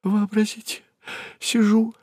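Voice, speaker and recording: A man's voice: monotone, slow, dark tone, dry recording, studio quality. A man voicing a young, pretty female secretary who is hysterical and weeping, her voice a little nasal from crying. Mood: agitated. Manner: shrill, frantic exclamations. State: sobbing.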